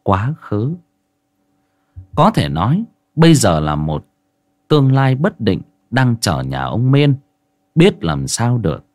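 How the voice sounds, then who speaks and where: A man narrating a horror story with dramatic, suspenseful pacing and sharp rises and drops. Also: mid-range voice, no echo.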